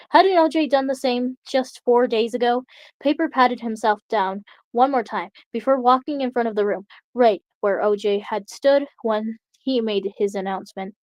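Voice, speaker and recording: A woman's voice: on the high side, a little mellow, dry recording. A young woman streamer reading a story aloud, stumbling over words and chatting as she corrects herself. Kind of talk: reading aloud with casual asides.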